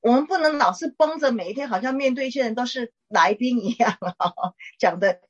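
A middle-aged woman, a pastor's wife, gently teaching and counseling a caller in a chatty way with small laughs. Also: fairly high pitch, brisk, slightly rough, lo-fi sound. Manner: warm conversational teaching, frequent "哈" tags and laughs.

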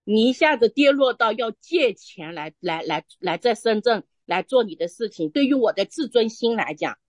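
A woman's voice: on the high side, animated, dry recording. Woman telling her faith story, earnest, stops and restarts a lot, dry close sound. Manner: earnest, halting with frequent restarts. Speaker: church member sharing testimony. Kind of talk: personal testimony in conversation.

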